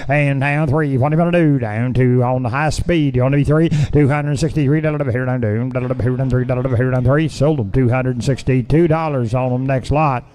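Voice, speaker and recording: An American man working as a livestock auctioneer, in a rapid-fire chant with rhythmic repeated filler words between the numbers. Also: medium pitch, steady tone, darkish tone, clean tone.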